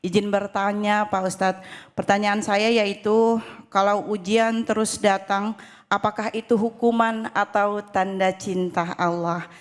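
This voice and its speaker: A woman's voice: medium pitch, flat delivery. A woman from the studio audience politely asking the preacher a formal question. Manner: polite, formal, quick greetings. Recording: reverberant studio hall.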